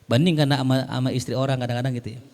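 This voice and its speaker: A man's voice: medium pitch, fairly even intonation, racing, a little mellow. Joking preacher man. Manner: reads Arabic then explains in colloquial Jakarta slang, joking. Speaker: Islamic preacher. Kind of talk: casual religious lecture with Arabic readings.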